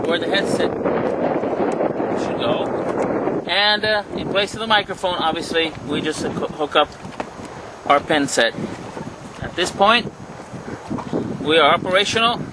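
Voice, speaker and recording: Man, fairly high voice, halting explanatory delivery, product demonstration, loud wind and boat noise. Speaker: product trainer, presenter. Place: outdoors aboard a boat. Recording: windy, noisy outdoor boat recording.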